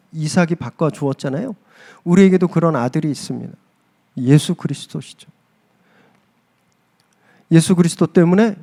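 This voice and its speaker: A man with a high voice preaches a church sermon. He talks warmly and directly to the congregation. He drives his key phrases upward with emphasis. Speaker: pastor. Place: church service.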